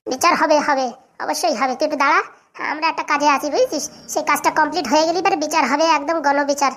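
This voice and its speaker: A scheming middle-aged cartoon mother scolds and orders her daughter about in a very high, squeaky voice. She rattles her lines off at a breakneck pace. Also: fairly even intonation, fast, a bit bright. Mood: bossy. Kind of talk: cartoon voice acting.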